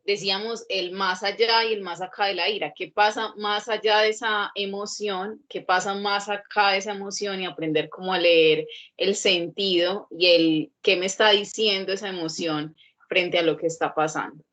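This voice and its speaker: A woman's voice: medium pitch, fairly even intonation, normal speed, a bit bright. A woman moderating an online dialogue, friendly as she reads the audience's questions aloud. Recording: muffled lo-fi online audio.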